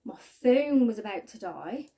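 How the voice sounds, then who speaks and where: A woman giving a halting, earnest personal testimony to camera, often trailing off quietly. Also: fairly high pitch, big pitch swings. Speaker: spiking victim sharing her story.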